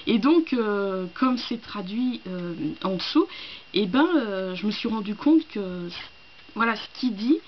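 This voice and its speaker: A woman chats casually to her viewers, hesitating often and restarting her sentences. Her pitch is middling. The recording is slightly dull, with faint background noise. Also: lively intonation, unhurried. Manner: hesitant, full of fillers and restarts. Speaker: book vlogger. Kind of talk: casual chat to camera.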